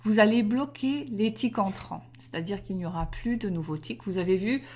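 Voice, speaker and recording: A woman explaining trading software step by step in a screen-recorded tutorial, methodical and clear, with small self-corrections. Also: medium pitch, moderate pace.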